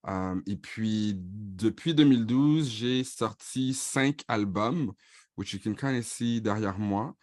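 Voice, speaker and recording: A man's voice: on the low side, slow, darkish tone. A man in his thirties with a Franco-Ontarian French accent, introducing himself and his music in a casual bilingual vlog, switching between French and English with easy fillers. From born in Paris, raised in Ottawa. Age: 30s.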